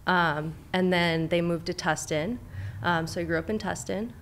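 A young Southern California woman, a therapist and clinical director appearing as a guest, chats openly about her life story with plenty of fillers in a casual interview. Her voice is lowish, a bit bright, and moderately paced, recorded on a boom-arm studio mic with headphones in a brick-walled studio, with a little hiss or hum.

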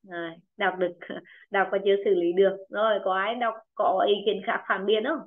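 A woman's voice: mid-range voice, fairly even intonation. Woman teacher, tinny video-call sound. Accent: Vietnamese. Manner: encouraging, repeats words slowly for students. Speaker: English teacher. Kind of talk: online pronunciation lesson.

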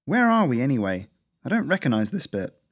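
A man's voice: medium pitch, huge pitch swings, brisk, no room sound, clean studio sound. A man voicing a rash young female squirrel in a storybook reading, defensive and anxious.

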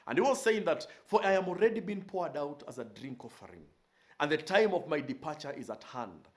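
A male pastor in his forties preaches in a small indoor studio, his voice sitting a little high for a man. He hammers home points by repeating key phrases, speaking with steady conviction as he gestures. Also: brisk. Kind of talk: recorded sermon teaching. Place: indoor studio with purple curtain backdrop.

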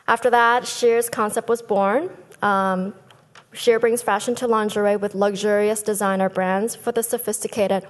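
Woman, 30s, business founder giving a prepared conference speech, animated, lectern mics, reverberant hall. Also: medium pitch. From Thailand. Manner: lively, gestures with both hands, speaks from a lectern. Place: large conference hall stage. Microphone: lectern microphones.

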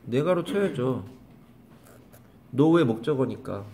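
A man's voice: mid-range voice, animated, takes it slowly, dark tone, slight background noise. A man teaching an English grammar lesson to a class, calling on students by name, repeating questions and scolding them. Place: small classroom.

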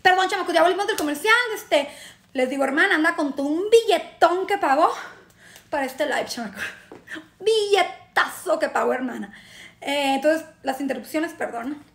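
Very high-voiced, slangy Mexican woman. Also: animated, normal speed. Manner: slangy, chatty, many fillers. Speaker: vlogger telling a personal story. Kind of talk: casual storytime live stream. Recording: echoey room.

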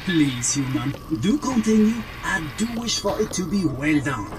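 A man's voice: a little high, very animated, music in the background. A man voicing a posh, fussy French robot gourmet in a video game, with a French accent and formal, courteous manner. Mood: polite, insistent. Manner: pompous, formal, drawn-out. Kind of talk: video game character acting.

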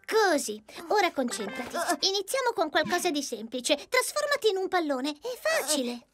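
A woman's voice: very high voice, big pitch swings, normal speed. A woman voicing a brainy, bossy young girl blob creature in a cartoon, confidently giving instructions. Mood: confident, instructing. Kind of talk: Italian cartoon dub acting. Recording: music behind the voice.

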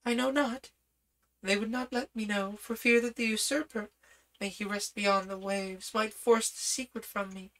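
Man putting on a high-pitched imperious princess. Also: steady tone, moderate pace, a bit bright. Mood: urgent. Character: regal, commanding young princess. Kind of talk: audiobook character voice.

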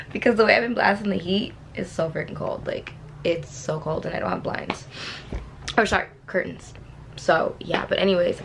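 A chatty young woman talking straight to camera in a room that rings with echo. Her voice is lowish and gravelly, and she stays emphatic and casual, slipping in the odd swear. A faint hum of home sound sits behind her. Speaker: lifestyle vlogger. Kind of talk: casual vlog chat. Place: indoors at home in a small room.

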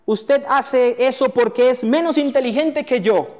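A man voicing a small frightened lazy female bee with a high, pleading voice. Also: measured pace, a little mellow. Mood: defiant. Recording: echoey hall, faint music.

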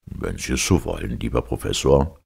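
Male reader as calm captain: very low, husky, conceding. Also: moderate pace, heavily acted. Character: easygoing male sea captain, yielding.

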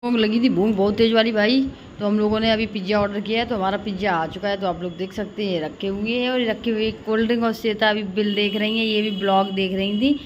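A woman's voice: medium pitch, fairly even intonation, fast, few pauses, dull audio. A young woman, chatting to viewers while she vlogs her arrival and her cooking in a hostel kitchen. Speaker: vlogger. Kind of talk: casual vlog narration. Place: hostel room and kitchen, indoors. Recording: noisy phone recording.

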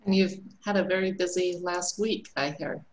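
A woman's voice: lowish voice, steady tone, moderate pace, rough recording. A woman moderating a panel over a video call, introducing guests with encouragement and thanks. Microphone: computer mic on video call.

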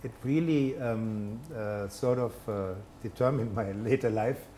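With a warm, lowish voice and a measured pace, this German telecom executive is heard through a little hiss or hum. As a guest in a studio interview against a brick wall indoors, he keeps things conversational but hesitant and self-deprecating, with plenty of fillers and restarts.

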